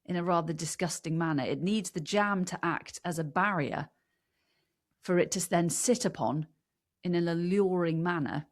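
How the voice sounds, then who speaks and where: Wry, opinionated woman, low voice. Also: normal speed. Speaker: podcast co-host. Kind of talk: casual chat.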